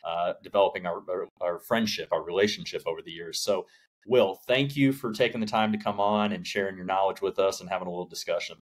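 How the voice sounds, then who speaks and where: A man in his late thirties hosting a podcast interview, talking in a relaxed, conversational way with many fillers, recorded on a studio mic at home. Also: low voice, fast. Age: 30s. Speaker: podcast host. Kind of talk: casual interview. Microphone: large studio condenser mic in frame.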